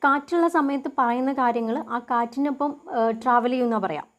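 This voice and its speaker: A young woman teaching a lesson. She poses questions and answers them herself, and reads English definitions out slowly. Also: high voice, steady tone, fairly bright tone. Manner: asks and answers her own questions. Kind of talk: lecture explaining a topic.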